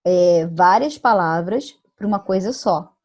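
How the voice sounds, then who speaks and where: A woman's voice: fairly low pitch, lively intonation, a little slow, darkish tone. A woman from Brazil teaching an online class, explaining patiently and checking in with her students, sometimes acting out sample phrases. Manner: explanatory, checks understanding with "tá bom?" and "né?"; acts out regional phrases in quoted voices.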